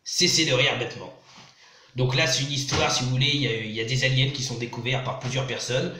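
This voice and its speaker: A man's voice: mid-range voice, steady tone, fairly quick, reverberant, background noise. A man with a sore throat, enthusiastically unboxing films and reading their blurbs aloud in a casual vlog. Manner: enthusiastic, reads back-cover blurbs aloud. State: slightly sick with a sore throat. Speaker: YouTuber unboxing film DVDs. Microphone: phone.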